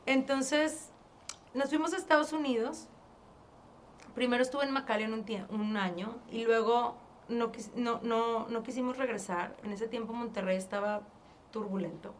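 A woman from northern Mexico with a northern Mexican accent, telling her story as an interview guest in a casual, animated way, acting out past conversations and often restarting her sentences. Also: a little high, moderate pace, a little hiss or hum. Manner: animated, acts out past dialogue, frequent restarts.

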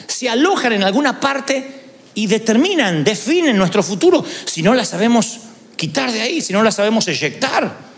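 A man's voice: extremely high pitch, moderate pace, creaky, big-room sound. A man preaching a sermon in a church, telling stories and acting out inner voices. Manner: animated storytelling preacher, acts out inner voices. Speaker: pastor.

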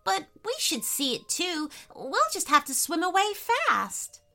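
A woman voicing an excitable, chattering young female squid in a children's story, gushing and breathless. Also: extremely high pitch, a little slow, voice pushed up, heavily acted. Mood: excited.

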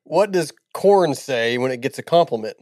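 Playful man with a lively, animated voice. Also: medium pitch, moderate pace, dry recording, studio quality. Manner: playful, giggly, teasing. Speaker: podcast co-host. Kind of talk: casual chat, trading dad jokes.

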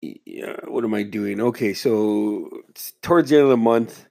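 A man's voice: on the low side, moderate pace, vocal fry, a little mellow. Muffled, stuffed-up man rambling on a podcast. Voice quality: muffled, congested, stuffy-nosed. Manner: laid-back, rambling, heavy swearing. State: under the weather with a stuffy nose and slight cough. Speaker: podcast host. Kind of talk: casual solo podcast monologue.

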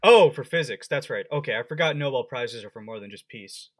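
A young man in his twenties co-hosting a podcast, chatting casually with quick, quizzical banter. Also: medium pitch, expressive. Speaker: podcast co-host. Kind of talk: casual chat.

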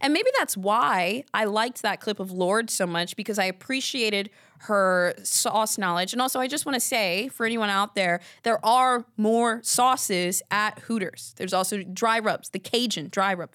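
A woman's voice: medium pitch, a little slow, hardly any pauses, a bit bright, dry recording, studio quality. A woman hosting a podcast alone, talking in a rambling, candid, casual way and swearing now and then. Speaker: podcast host. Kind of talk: casual solo chat.

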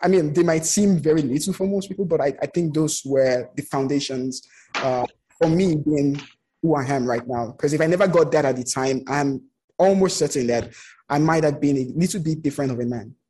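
Speaking fairly quickly in a slightly rough, somewhat high voice, this non-American man appears as an interview guest. His conversational personal anecdotes come alive as he performs the quoted remarks in an animated retelling.

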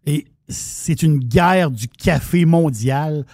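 A man's voice: fairly high pitch, slow, a little mellow, no room sound, studio quality. A man with a Québécois French accent, co-hosting a radio show and telling a story in casual banter with many restarts.

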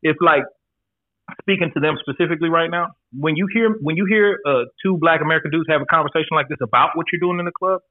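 A man's voice: on the high side, fast, dry recording. A man in his forties talking as a podcast guest in a laid-back, candid, profane way. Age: 40s. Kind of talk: casual chat. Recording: tinny phone-like line, dry.

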